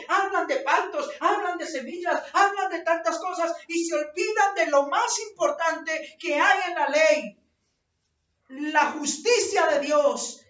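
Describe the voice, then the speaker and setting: A woman preacher delivering an impassioned sermon, rising to shouts when she quotes scripture. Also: high voice. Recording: echoey distant lo-fi church recording.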